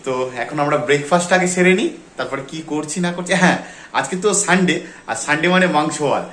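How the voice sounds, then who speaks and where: A man's voice: on the high side, fairly quick, a bit bright. A man from West Bengal, India, chatting casually to viewers as he vlogs at home. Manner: chatty, talking straight to viewers. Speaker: family vlogger. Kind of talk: casual vlog narration. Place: family home. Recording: echoey home room, faint background noise.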